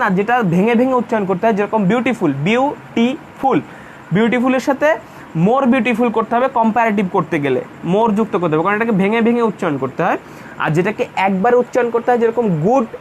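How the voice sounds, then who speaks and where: A man's voice: very high voice, slight background noise. A man teaching an English grammar class in Bengali, explaining patiently and going over each point again. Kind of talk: online class lecture.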